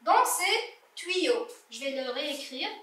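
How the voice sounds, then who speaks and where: A woman leads a primary school French reading lesson, patiently breaking words into syllables for young children. Her high, sing-song voice is slow and fairly bright, heard from a distance in an echoey room.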